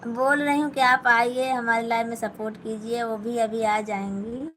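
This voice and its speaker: A woman's voice: a little high, flat delivery, moderate pace, fairly bright tone, slight background noise, rough recording. A woman with an Awadhi-flavoured Hindi accent, hosting a casual live stream from home while she sits and sews, reading out viewers' comments and answering them one by one. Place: at home, sitting and sewing.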